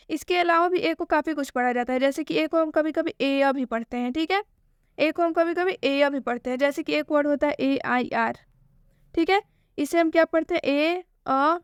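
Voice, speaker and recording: A woman's voice: high voice, no echo, clean studio sound. A woman teacher gives a pronunciation lesson over on-screen words, posing questions and answering them herself. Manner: repeats key points as questions and answers them. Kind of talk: screen-based video lesson.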